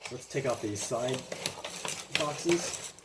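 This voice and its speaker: A man's voice: medium pitch, animated, slow pace, very noisy. Chatty man unboxing on camera. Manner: chatty, loose, lots of fillers. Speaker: vlogger. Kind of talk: casual unboxing vlog.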